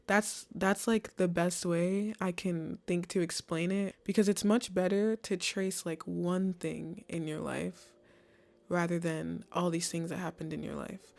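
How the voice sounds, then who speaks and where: A woman's voice: lowish voice, creaky, a little mellow. A young woman casually giving college essay advice, chatty and full of "like"s and restarts. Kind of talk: casual advice talk to camera.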